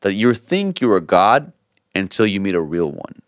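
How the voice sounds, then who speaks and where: A young man, co-hosting a casual podcast chat, animated and repeating words as he talks. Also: low-pitched, moderate pace, no room sound, clean studio sound. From Israel. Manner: animated, does playful voices, stumbles and repeats words. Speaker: podcast co-host.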